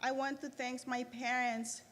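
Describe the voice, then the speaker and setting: A woman's voice: high voice, level tone, fairly bright tone. Earnest Salvadoran woman in a reverberant hall. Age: 30s. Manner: earnest, halting with restarts. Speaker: graduating student speaker. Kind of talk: prepared ceremony speech. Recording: reverberant hall, faint noise.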